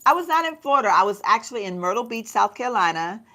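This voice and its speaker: A woman's voice: fairly high pitch, very animated, quick pace, pushed and bright. A middle-aged woman chatting casually on a get-ready-with-me livestream, calling her viewers y'all and laughing often as she talks through her makeup. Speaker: beauty vlogger. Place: home.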